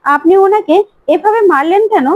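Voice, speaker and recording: A woman's voice: very high voice, normal speed, no echo, phone-quality sound, voice pushed up. A woman doing a pleading young woman. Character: young woman, concerned and protective.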